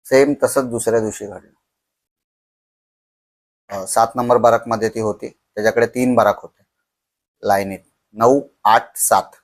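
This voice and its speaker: A young man telling a horror story on a podcast, slow and dramatic, dropping to a hush at tense moments. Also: lowish voice, fairly even intonation.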